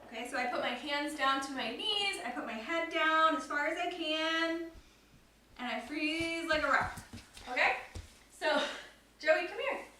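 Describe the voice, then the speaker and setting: A woman's voice: high-pitched, unhurried, pushed and bright, heavy reverb, recorded from a distance, slight background noise, rough recording. A woman leading a family yoga class, upbeat and instructive as she talks children through the poses. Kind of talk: guided kids yoga class.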